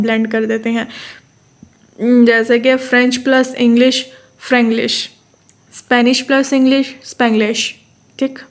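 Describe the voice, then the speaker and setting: A woman with a Pakistani accent giving an explanatory lecture, repeating terms, checking with her listeners and reading definitions slowly. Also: a little high. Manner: reads English definitions slowly. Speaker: teacher.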